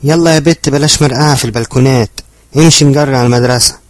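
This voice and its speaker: Brief: a male narrator doing a shrill, nagging Egyptian housewife, rapid-fire, dry close sound. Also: no echo, lightly acted. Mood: scolding. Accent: Egyptian Arabic. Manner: shrieking, nagging. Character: fat shrill middle-aged woman, scolding and furious. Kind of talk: audiobook character voice.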